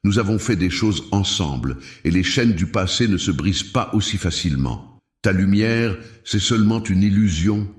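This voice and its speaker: A man voicing a scornful male former companion from a dark past, with a sharp, mocking tone. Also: low-pitched, expressive, moderate pace. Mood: cold, mocking. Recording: roomy echo.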